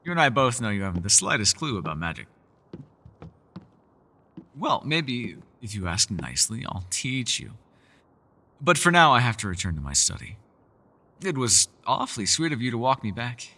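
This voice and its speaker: Confident and teasing, the man playing the secretive, powerful elf delivers formal, archaic lines at a medium pitch with a sing-song lilt, his voice pushed and bright. The fantasy ASMR roleplay shifts between playful jabs and weariness.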